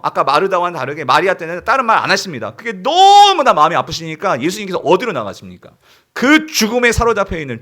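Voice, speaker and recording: A man's voice: high voice, pushed and bright. A male pastor preaching a sermon, often tossing questions to the congregation and retelling scenes from the story.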